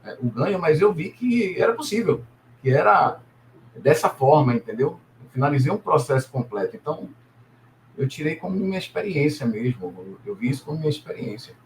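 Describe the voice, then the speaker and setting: A middle-aged man from Salvador, a businessman telling his story as an interview guest, relaxed and hesitant with frequent tag questions. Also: on the high side, fairly quick, a little hiss or hum. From Salvador, Brazil. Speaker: guest, businessman and property investor.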